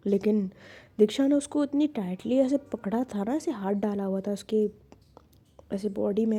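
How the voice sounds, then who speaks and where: Storytelling woman with a dark, mellow voice. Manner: animated, rising loud and high in the quarrels. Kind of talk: narrating a love story, acting out all the dialogue.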